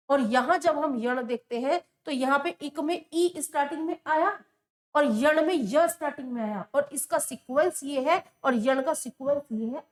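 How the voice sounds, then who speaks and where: A woman's voice: high voice, roomy sound. A woman teaching a Sanskrit grammar lesson for exam preparation. She speaks patiently and asks the class questions that she then answers herself. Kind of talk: exam-prep lesson at a board.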